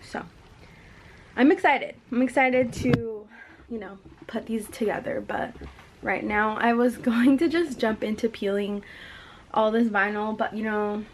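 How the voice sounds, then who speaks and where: A woman's voice: a little high, unhurried, a little hiss or hum. A young woman, a balloon decor business owner, talking casually and rambling as she works in her indoor studio with a handheld camera, laughing often. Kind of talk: casual vlog talk.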